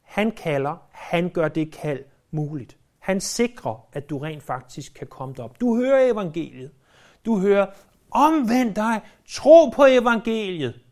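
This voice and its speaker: This is a spirited sermon from a preacher who keeps stumbling over fillers and repeating words. Quoted speech gets performed with abrupt pitch leaps.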